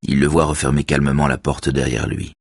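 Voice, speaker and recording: A man narrates a novel in a steady, even reading voice. His pitch is extremely low and the tone husky. The recording is close and dry. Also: brisk, dry recording. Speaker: audiobook reader. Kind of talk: scripted narration.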